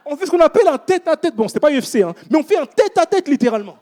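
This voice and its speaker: A man's voice: very high-pitched, rapid-fire. A man in his thirties preaching a sermon in church, telling stories with casual asides to the congregation. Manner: animated storytelling with casual asides.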